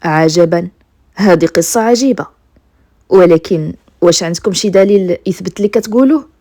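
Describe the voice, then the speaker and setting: A woman's voice: on the low side, moderate pace, warm tone. A woman with a Moroccan accent voicing a dignified, shrewd male judge in bedtime folk-tale storytelling. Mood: astonished, probing.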